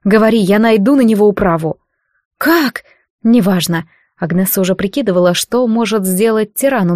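A woman reading a fantasy novel aloud as an audiobook narrator, with expressive storytelling. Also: mid-range voice, no room sound, studio quality. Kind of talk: scripted narration.

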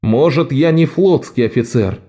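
A man voicing a desperate, quick-talking male con man in an audiobook, pleading and insistent. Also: mid-range voice, mellow, voice pushed up, close to an everyday voice. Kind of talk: audiobook character voice.

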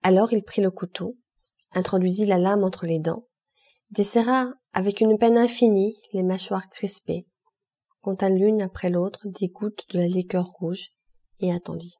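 A woman reads a classic novel aloud in a measured, steady narration. Her voice is mellow and warm. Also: medium pitch. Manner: measured literary reading. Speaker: audiobook reader. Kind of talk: scripted narration.

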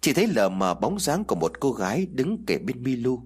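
A man with a husky voice, narrating a ghost story in an expressive, measured way. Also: medium pitch.

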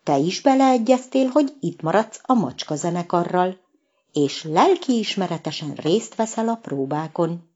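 A woman's voice: fairly low pitch, lively intonation, darkish tone, slightly rough, muffled recording. A woman voicing a cheerful, confident male cat who sings in a band, in a storybook. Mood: teasing. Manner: eager, teasing.

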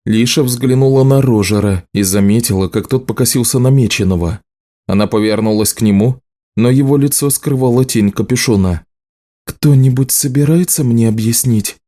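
A man narrates an audiobook at a measured, even pace. His low, mellow voice has a dark, warm tone.

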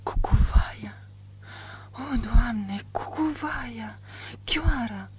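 A woman's voice: a little high, noisy background, lightly acted. A performer voicing a frightened young girl in an audiobook, fearful and pleading. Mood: terrified. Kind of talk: audiobook character voice.

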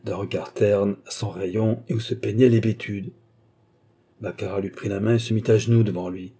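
A man narrating a classic novel as an audiobook in a steady, dramatic storytelling manner. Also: on the low side, slightly rough. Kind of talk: scripted narration.

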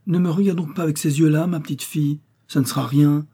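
A gentle, ailing mother soothes her daughter softly, as a man reads her part. The voice sits raised above the reader's own, still mellow and husky. This is storybook reading. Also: fairly high pitch, steady tone, quick pace, voice pushed up. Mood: soothing. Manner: soft, soothing reassurance. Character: ailing gentle mother, middle-aged woman.

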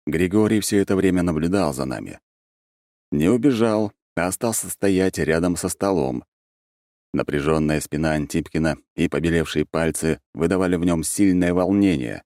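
A man narrating an audiobook in the first person, in an ironic, expressive storytelling manner. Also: low-pitched, normal speed, dry recording, studio quality.

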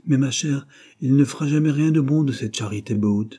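A man's voice: medium pitch, fairly quick, mellow, husky, pitched above the performer's own voice, lightly acted. A man voicing an older wife who speaks curtly and with disapproval. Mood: disapproving. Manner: curt, disapproving. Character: sharp-tongued older wife and mother.

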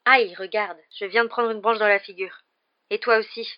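A brave teenage boy, hushed and tense, as a woman reader puts him on, close to her own voice. The recording sounds dull and muffled. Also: mid-range voice, steady tone, moderate pace, pitched above the performer's own voice, lightly acted.

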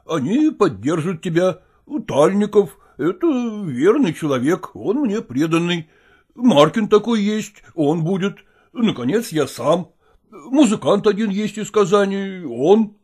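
Husky, evasive, placating husband, storybook reading, voiced by a man, lively intonation. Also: sits high, a little slow, voice pushed down, heavily acted. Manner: soothing, hesitant, excuse-making. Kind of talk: audiobook character voice.

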